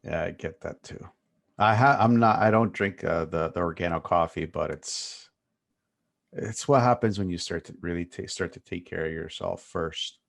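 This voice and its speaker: A man's voice: low voice, normal speed, gravelly. A man hosting an interview, asking long, curious questions. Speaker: host.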